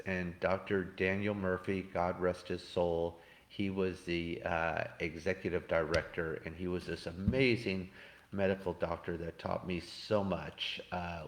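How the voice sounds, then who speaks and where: Man, priest, deep voice, gentle unhurried guided meditation, conversational pauses, roomy echo. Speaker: Jesuit priest leading daily meditation. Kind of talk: guided meditation and spoken reflection. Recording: echoey room.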